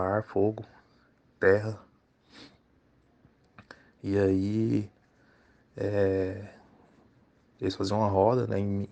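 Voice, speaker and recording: Gravelly low man, halting. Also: a little mellow. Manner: halting, full of fillers. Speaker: dream storyteller. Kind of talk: casual recounting.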